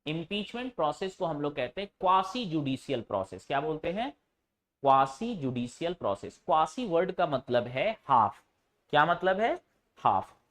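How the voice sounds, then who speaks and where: A man's voice: fairly high pitch, big pitch swings, moderate pace, a bit bright. A male teacher giving a classroom lecture, asking his students questions and answering them himself, and teasing them now and then.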